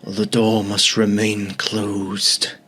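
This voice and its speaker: Man acting out a slow, booming, solemn guardian voice. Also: monotone, sharp tone, husky, full character voice. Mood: grave warning. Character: solemn booming disembodied voice guarding a forbidden door. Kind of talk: tabletop game role-play.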